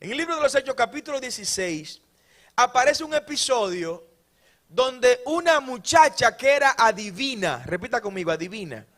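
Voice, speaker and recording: A man preaches to a congregation in a church. His voice sits high and swings between quiet asides and shouted praise. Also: normal speed. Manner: animated preaching, shouting praise, mimicking complainers. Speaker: pastor. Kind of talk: sermon.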